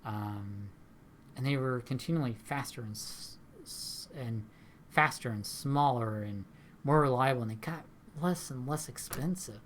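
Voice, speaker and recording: A man lecturing to a class in a loose, conversational way, often tacking questions onto the ends of his sentences. His pitch sits in an ordinary middle range. A faint hiss of background noise runs under the recording. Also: measured pace. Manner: rambling, conversational, frequent tag questions. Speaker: university lecturer.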